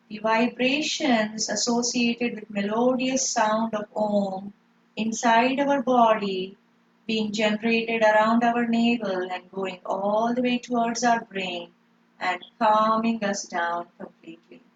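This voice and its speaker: A woman guides a yoga class at a very unhurried pace, her voice sitting a little high. She repeats breathing cues calmly and gently. The recording is dull and lo-fi, with a faint hiss behind her. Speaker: yoga instructor.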